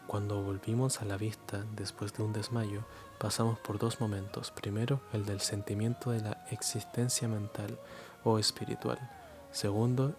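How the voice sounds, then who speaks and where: A man from Chile giving a soft ASMR reading, halting and stumbling with many restarts, his throat strained and muffled. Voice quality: low-energy, muted voice. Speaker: ASMR reader.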